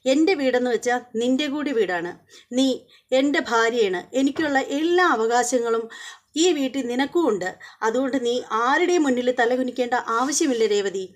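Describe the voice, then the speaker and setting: A woman's voice: fairly high pitch, animated, normal speed, close to an everyday voice. A woman voicing a young husband who insists in a firm, lecturing way that his wife stand up for herself. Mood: firm, indignant.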